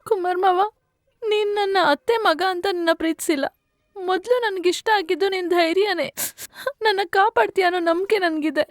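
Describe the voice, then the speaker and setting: Young woman in love, tender, very high voice, dry sound. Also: a little fast, dry recording.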